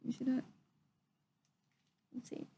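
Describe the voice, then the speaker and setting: With a slow pace and a warm tone, a woman reads aloud to young children, explaining things simply and putting questions to her listeners.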